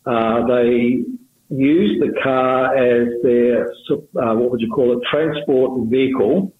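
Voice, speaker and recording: A man calling in as a radio guest, telling a story in a measured way over the phone. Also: medium pitch, fairly even intonation. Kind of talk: radio interview. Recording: tinny echoey phone line with hiss.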